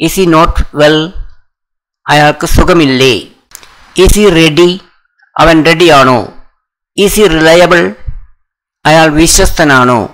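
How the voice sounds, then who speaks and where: Slow, deliberate Malayali English teacher. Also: male voice, on the high side, a bit bright, low-quality recording. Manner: reads each English sentence slowly, then the translation faster. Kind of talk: slow sentence drill with translations.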